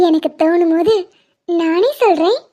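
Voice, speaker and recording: A woman voicing a playful, teasing pregnant young wife in an animated cartoon. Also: very high-pitched, takes it slowly. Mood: playful bossy. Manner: teasing, bossy, affectionate.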